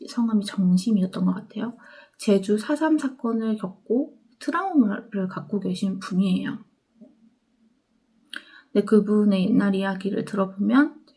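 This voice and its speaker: A young woman with a Gwangju accent talking about books in a reflective vlog. She speaks earnestly and haltingly, and her sentences often trail off into soft, whispered endings. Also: mid-range voice. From Korea. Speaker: book vlogger. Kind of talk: personal reflective talk.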